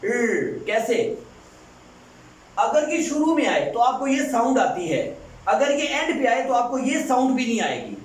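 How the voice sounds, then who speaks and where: A man teaching English pronunciation to students, explaining fast and then saying the example words slowly and drawn out. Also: very high voice, big pitch swings. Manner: switches between fast Hindi-Urdu explaining and slow drawn-out English examples. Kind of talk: classroom lecture on pronunciation. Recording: echoey room, voice far from the mic.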